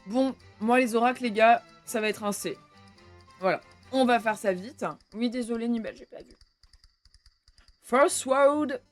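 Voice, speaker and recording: A woman's voice: on the high side, fairly even intonation, moderate pace. Young woman streamer, chatty and casual, swears loosely, faint music behind. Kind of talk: casual live-stream chat.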